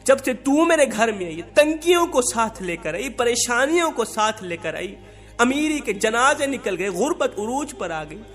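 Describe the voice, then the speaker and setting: A man voicing a harsh husband who loudly scolds and blames his wife in a sermon story. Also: sits high, lively intonation, soft background music. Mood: angry, accusing. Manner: loud, accusing rant.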